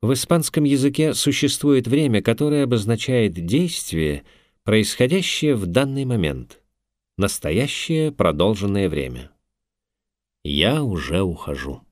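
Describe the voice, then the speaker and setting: A man with a low, deep voice narrates a scripted language lesson in a measured, instructive way. His pitch rises and falls a lot as he explains. The recording is dry and close, with no room sound. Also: very animated, darkish tone, dry recording.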